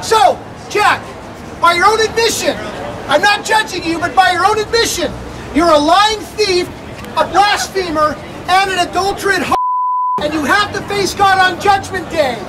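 A middle-aged American man preaching and putting questions to a crowd outdoors in a loud, emphatic, projected delivery. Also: very high voice, moderate pace. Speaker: street preacher. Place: outdoor beach plaza, crowd and traffic behind. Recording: distant outdoor recording with street and crowd noise.

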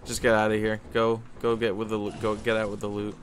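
Low-voiced man, scared horror game streamer, noisy audio. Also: monotone, quick pace. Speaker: video game player. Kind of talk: casual gaming chat with a friend during a horror game.

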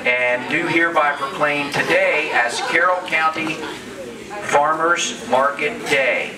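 A man's voice: a little high, slow. A middle-aged man talks into a handheld mic in a large farm hall, and his voice rings through the echoing space. He reads from a proclamation and keeps breaking away from it for jokes. A crowd murmurs in the background. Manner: joking, off-script asides. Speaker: county commissioner presenting awards. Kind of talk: casual public ceremony speech. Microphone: handheld microphone. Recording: echoey hall, crowd noise, distant mic.

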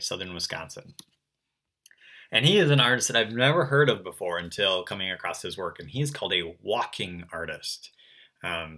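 A young man talks children through an art lesson. His low voice has a very bright, forceful edge. He explains patiently and in a friendly way, with plenty of ums along the way. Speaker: art teacher. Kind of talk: recorded class lesson for kids.

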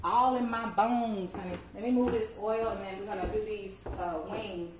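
Woman in her thirties, cooking-show host, playful and lively, phone mic in a home kitchen with faint hiss. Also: mid-range voice, moderate pace. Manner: lively, playful, churchy exclamations, talks to viewers as y'all. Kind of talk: live cooking stream chat. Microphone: phone camera, moving between close and across the kitchen.

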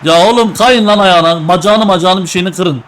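A young man commentating his own online football match with teammates, excitable and joking, trash-talking and repeating his calls. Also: high-pitched, a little fast. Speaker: gaming YouTuber. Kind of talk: live gameplay commentary with teammates.

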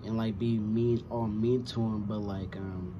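A man in his 20s hosts a reaction video, chatting to camera in a rambling, slangy way and swearing often. His voice is lowish and steady at a measured pace. He sits in a small indoor room with wooden cabinets, and the lo-fi recording sounds dull, with background noise and music behind him.

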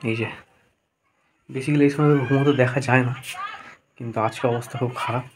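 A male vlogger chats casually to camera in a village home vlog, narrating his chores and coaxing along the way, both indoors and outdoors at his rural home. His voice is medium-pitched and steady, fairly quick, with background noise.

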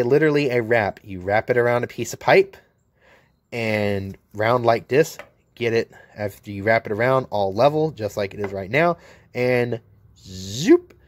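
An American man, a welder, giving a casual hands-on demo of his tools, blunt and joking, filmed one-handed at an outdoor work table. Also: mid-range voice. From United States. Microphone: handheld camera mic, filming one-handed.

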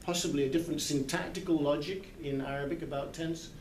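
Heard from a camera several metres away in an echoing, noisy hall, a sixty-something literary translator speaks fast in a steady, higher-pitched voice. The informal book club group sits in a small circle around him. He is reflective and tentative, often searching for the right word.

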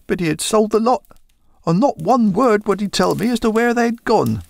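Man acting as a panicked young thief, high voice, gravelly, radio drama. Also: expressive, moderate pace, a little mellow, no room sound. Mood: desperate. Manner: desperate, pleading, breaking into sobs. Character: frightened young male thief confessing.

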